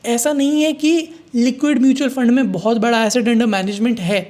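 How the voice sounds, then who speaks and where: A man's voice: very high-pitched, steady tone, normal speed, a little mellow. A man hosting a personal finance explainer, talking casually and walking through figures step by step while mixing Hindi and English. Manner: conversational, walks through numbers step by step.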